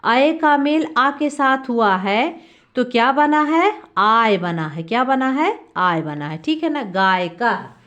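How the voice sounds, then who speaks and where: A woman with a high, light voice explains a grammar lesson step by step. She keeps asking the class a question and answering it herself, and stretches out the sounds she wants them to hear. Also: expressive, slow, a bit bright, dull audio. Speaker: Sanskrit teacher.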